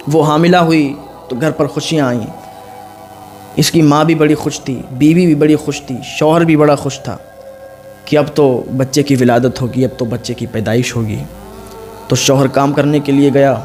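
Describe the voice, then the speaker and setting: Male preacher, fairly high voice, emotional storytelling sermon over soft music. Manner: acts out quoted voices, rising in pitch and force. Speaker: Islamic preacher.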